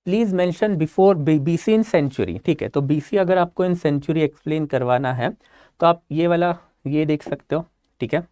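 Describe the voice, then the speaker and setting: A man's voice: fairly high pitch, slow, dark tone, no echo. A man teaching an online exam-prep lecture, explaining step by step and often checking that students follow. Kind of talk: online lecture mixing Hindi and English.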